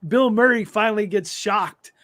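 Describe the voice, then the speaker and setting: A man co-hosting a casual movie review chat, enthusiastic and quick to agree. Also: high voice, fairly bright tone, no echo, studio quality. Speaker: co-host.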